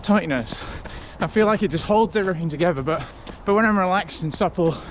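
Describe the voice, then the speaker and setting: A man talking casually to camera as a running vlogger, in a reflective, conversational way with halting short phrases. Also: high voice, slight background noise. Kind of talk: casual vlog talk to camera.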